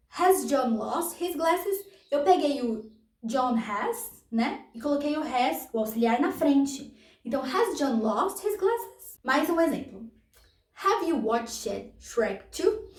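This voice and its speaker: A woman gives a grammar lesson in a high voice, reading each English example slowly and twice before she explains it. She sounds set back from the mic in a roomy, echoing space. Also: distant mic. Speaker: English teacher.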